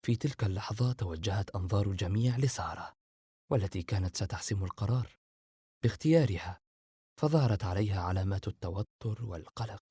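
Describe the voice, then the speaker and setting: A man narrating an audiobook in a subdued, even reading. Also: fairly low pitch, quick pace, slightly rough, no room sound, studio quality. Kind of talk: scripted narration.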